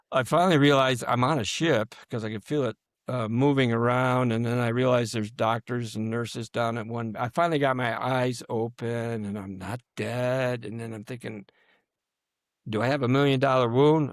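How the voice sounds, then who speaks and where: A man in his seventies, a guest in an interview, recounting personal stories in a halting way that sinks to a near-murmur at grim moments. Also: medium pitch, dry recording, studio quality. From United States. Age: 70s. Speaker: guest, combat veteran.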